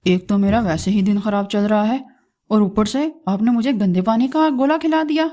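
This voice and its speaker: A lazy young crow with a sulky streak, complaining in a whiny voice, voiced by a woman. The tone is mellow and soft at a middle pitch. This is a cartoon character who grumbles a lot. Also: normal speed, natural voice. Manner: whiny, resentful.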